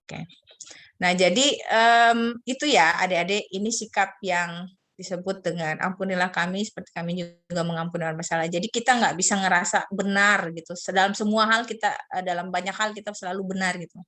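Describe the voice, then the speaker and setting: A woman's voice: fairly low pitch, fairly even intonation, brisk, fairly bright tone. Woman telling a children's sermon casually. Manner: casual, acts out quarreling children and God in raised voices.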